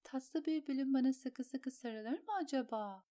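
A woman's voice: sits high, moderate pace, warm tone, pitched above the performer's own voice, natural voice. A woman voicing an anxious, polite young noblewoman in an audiobook, whispering the girl's inner thoughts. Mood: soothing.

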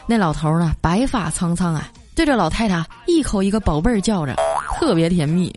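A woman hosting a comedy segment, telling funny everyday stories in a chatty, lively radio style. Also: on the low side, a little fast, soft background music. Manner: chatty, lively, sprinkles filler particles. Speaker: host of a comedy story segment.

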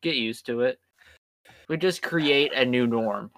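A man's voice: mid-range voice, unhurried, fairly bright tone, no echo. A tired man co-hosting a podcast, rambling through opinions in casual chat. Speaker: podcast co-host.

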